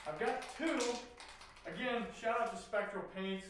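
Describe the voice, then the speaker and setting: A man's voice: high voice, measured pace, echoey room, background noise. A man talking casually through a respirator mask as he spray paints in his home shed, showing how a job is done. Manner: laid-back, enthusiastic shop talk. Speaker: DIY vlogger.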